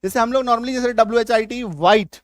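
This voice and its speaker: A man teaching English spelling and pronunciation in a YouTube lesson, often asking if students follow and loudly stressing key sounds. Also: high-pitched, expressive, normal speed, no room sound, studio quality. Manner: repeats "ठीक है?" and "है ना?" to check understanding; stresses key sounds loudly, then drops back to conversational.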